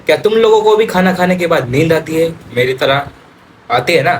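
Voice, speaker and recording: A young man with a voice a little on the high side chats through his vlog, calling his viewers guys and brother as he goes. The phone recording picks up plenty of noise, with traffic and outdoor sound behind him. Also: expressive, fairly quick. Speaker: vlogger. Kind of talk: casual vlog talk to camera. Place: outdoors and indoors, around his coaching centre and home.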